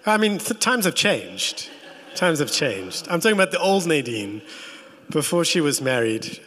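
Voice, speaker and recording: A man preaching a sermon as pastor. He tells the story in an animated way and makes playful asides to the congregation. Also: a little high, normal speed, in a large hall.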